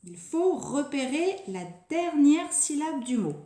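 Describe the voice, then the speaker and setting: A woman teacher speaks to young children with a high, lively voice that swoops up and down. Her tone is mellow and she draws out each word slowly, repeating it with care. The sound carries the echo of a bare room. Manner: slow, deliberate, stretches and repeats words for children. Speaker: preschool teacher. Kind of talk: recorded lesson for young children. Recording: echoey room.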